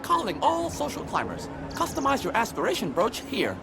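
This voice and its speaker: An actor playing an overly smooth, eager male service android in a video game, slick and salesman-like. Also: extremely high pitch, wildly swooping pitch, normal speed, music in the background, heavily acted. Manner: slick, salesman-like, too polished. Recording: game audio with ambient noise.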